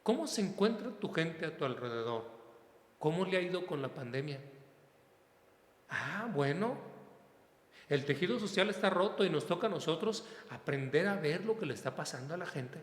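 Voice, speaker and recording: A man with a Mexican accent, a parish priest giving a conversational sermon and speaking straight to his listeners in a lively way. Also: on the high side, normal speed. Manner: lively, talks straight to listeners, acts out everyday exchanges. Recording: echoey hall reverb.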